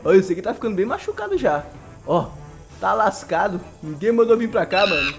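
A young man with a Brazilian accent giving excitable, slangy live commentary over gameplay and laughing often. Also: high-pitched, fairly quick, creaky, soft background music. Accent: Brazilian Portuguese. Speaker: gaming YouTuber.

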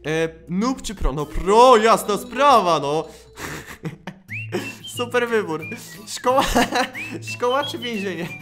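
Gaming YouTuber, male, excitable and shouty, playful let's-play commentary. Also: high voice, slow pace, soft background music. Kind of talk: gameplay commentary.

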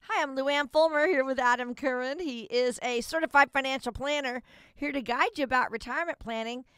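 A woman with a Southern US accent co-hosting a radio show, moving smoothly between segments. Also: high-pitched, a little fast, fairly bright tone, no room sound. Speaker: radio co-host.

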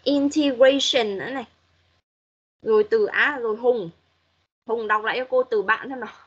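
Husky woman teacher on a muffled call. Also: a little high, moderate pace. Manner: patient, corrective, demonstrates pronunciation. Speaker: English teacher. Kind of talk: online class feedback. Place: online class call.

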